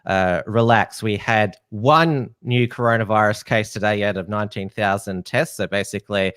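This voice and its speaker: A man hosts a live-streamed political commentary show. He pauses often and fills the gaps with "uh". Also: lowish voice, a bit bright, smooth, no echo. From Australia. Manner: hesitant, many uh fillers. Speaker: host.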